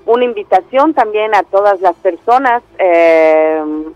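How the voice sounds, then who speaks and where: Heard through a muffled telephone line in a dry recording, a woman speaks at medium pitch, expressively and a little slowly. She comes from Andalusia in Spain, has a Mexican-tinged Spanish accent, and heads a theatre company. The phone interview finds her enthusiastic, with many fillers and restarts.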